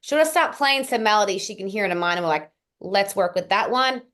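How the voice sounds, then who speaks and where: Speaking briskly with lively intonation, a young singer-songwriter guest has a mid-range, slightly bright voice and an accent mixing Australian and American. She chats casually, giving lengthy run-on answers and saying um a lot.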